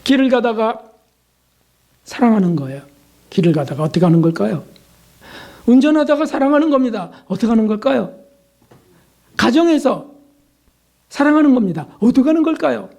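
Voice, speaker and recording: An older man preaching a sermon as a pastor, earnest, asking his listeners questions and slipping into soft prayers. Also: very high-pitched, lively intonation, fairly quick, gravelly, long pauses.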